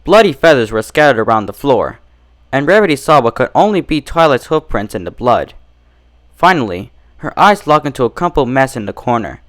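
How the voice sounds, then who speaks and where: As channel host, a man presents scripted fan fiction readings and reviews, working as story narrator and reviewer. His pitch moves in a very lively way, and his delivery is deliberate and expressive.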